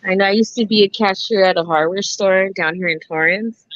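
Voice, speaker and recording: A woman's voice: mid-range voice, a little fast, a bit bright, no echo, muffled recording. A woman in her forties, from Southern California, telling stories in a casual chat and laughing often. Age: 40s. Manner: laughs often, tells stories with lots of "I'm like".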